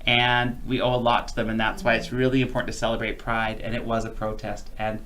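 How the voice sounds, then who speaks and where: A man co-hosting a relaxed chat show talks earnestly, stopping and restarting his sentences often. His voice sits at an ordinary pitch for a man. A faint hum of room ambience runs behind him. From Canada. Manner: earnest, halting with many restarts and fillers. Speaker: co-host. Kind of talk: casual chat.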